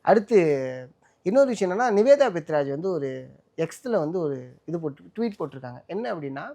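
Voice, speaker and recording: Probing man with a high voice. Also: very animated, brisk, mellow. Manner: probing, pushes back on answers. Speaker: interviewer. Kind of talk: casual Tamil interview questioning.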